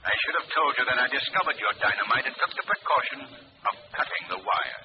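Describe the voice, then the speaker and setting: A man's voice: medium pitch, lively intonation, fast talker, background noise, natural voice. An actor playing a mysterious male avenger in an old radio drama, mocking, menacing and theatrically commanding. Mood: cool, commanding. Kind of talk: 1940s radio drama acting. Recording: dull old radio recording, music behind.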